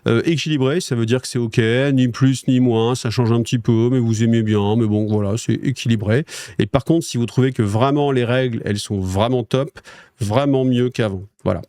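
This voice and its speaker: A man's voice: medium pitch, moderate pace, dark tone, no echo, clean studio sound. A French man hosting a wargaming news show, chatting casually with viewers in a rambling way, with lots of fillers and restarts. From France.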